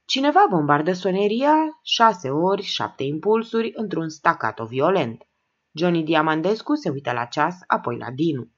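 Woman reading an audiobook, lowish voice, lots of up and down, kinda muffled. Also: breathy edge. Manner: expressive, animated reading. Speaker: audiobook reader. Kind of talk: audiobook narration. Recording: dull lo-fi sound.

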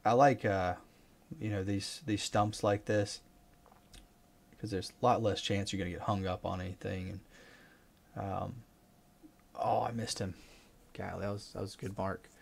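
A man casually commenting over his fishing footage, relaxed and rambling with excited bursts. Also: fairly low pitch, moderate pace, vocal fry, pauses often. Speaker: fishing vlogger.

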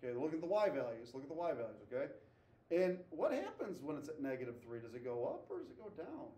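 A man's voice: fairly high pitch, big pitch swings, quick pace, dark tone. A man teaching a math class, asking students questions, repeating their answers and tagging "okay?" after his points. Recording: echoey classroom, voice from far off.

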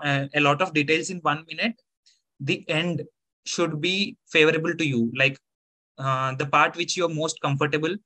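A young man with an Indian accent explains things methodically over a video call. His voice is bright and crisp-edged, slightly high for a man. He gives informal advice in halting, orderly steps. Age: 20s. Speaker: student mentor sharing interview experience.

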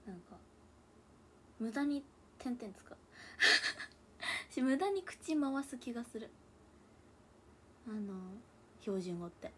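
A woman's voice: a little high, expressive, takes it slowly, pauses often, sharp tone, slight background noise. A young woman with a Hakata dialect mixed with Kansai, chatting casually on a livestream from a room at home and often dropping into murmured asides to herself. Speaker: idol livestreamer. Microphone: tablet or phone device.

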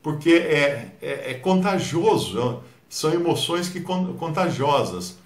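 Animated Brazilian man teaching the Bible. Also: a little high, unhurried, reverberant. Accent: Brazilian Portuguese. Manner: animated, mimics others mockingly.

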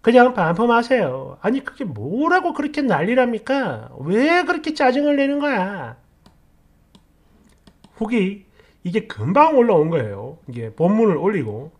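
A woman narrating a story read from an online post, in an expressive, complaining storytelling manner. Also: mid-range voice, unhurried, slightly rough.

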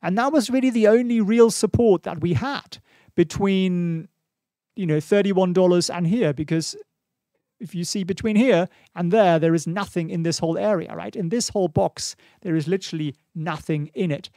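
Casual live market commentary comes from a German-accented man in his forties who hosts a stock livestream, thinking aloud over charts and reading viewer questions. He has a high, dark voice and speaks at normal speed. The recording, made in a small indoor home studio on a boom-mounted studio mic in front of his face, has no room sound.

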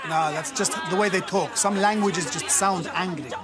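A man's voice: sits high, normal speed, a loud crowd, lightly acted. An actor playing an earnest, self-satisfied hotel handyman in a sitcom, with a droll, matter-of-fact manner. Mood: smug, matter-of-fact. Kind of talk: multi-camera sitcom acting. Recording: TV soundtrack with loud music and audience.

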